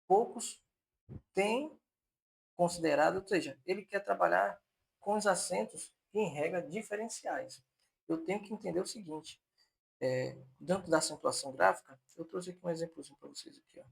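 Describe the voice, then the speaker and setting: High, gravelly-voiced man teaching grammar. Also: normal speed. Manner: explanatory, repeats points on purpose to fix them. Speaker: Portuguese teacher. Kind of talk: online exam-prep lesson.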